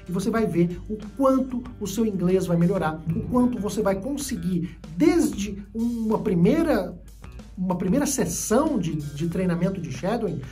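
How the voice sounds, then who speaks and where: A woman's voice: medium pitch, darkish tone. A Brazilian woman teaching English whose first language is Portuguese, explaining at length with many repetitions and restarts. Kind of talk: online English lesson.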